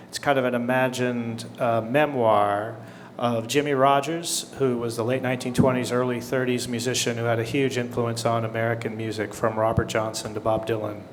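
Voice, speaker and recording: A man, an author and musician, introducing his novel on a book festival panel in a measured way, with some hesitations. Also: mid-range voice, slight background noise. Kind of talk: panel talk.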